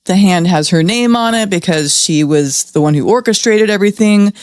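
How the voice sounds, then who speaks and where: A woman's voice: mid-range voice, normal speed, a little mellow, no room sound, studio quality. A woman giving blunt, sarcastic true crime reaction commentary in a casual style, with lots of fillers. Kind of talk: reaction commentary, reading aloud and remarking.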